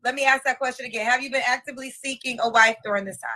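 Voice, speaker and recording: A woman hosting a live-stream dating interview, firing off quick questions and repeating the answers back. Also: on the high side, fairly even intonation, sharp tone.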